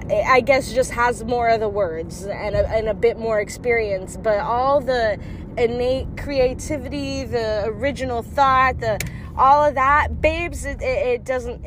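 A woman's voice: on the high side, a little hiss or hum. A young woman talking candidly to her viewers in a blunt, profane, confiding way. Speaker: vlogger. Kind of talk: candid monologue to camera.

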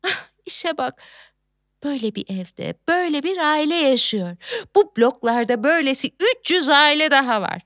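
A woman's voice: high-pitched, expressive, normal speed, fairly bright tone, no echo, studio quality. An actress playing a flustered young working mother, a factory worker, in a theatrical monologue; she exclaims in alarm and coos to her baby. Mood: hurried.

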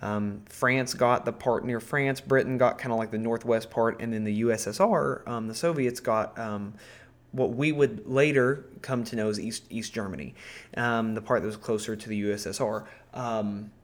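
A man's voice: medium pitch, normal speed. Rambling, profane man explaining history. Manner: rambling, profane, full of ums and self-corrections. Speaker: podcast host. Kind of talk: casual history talk.

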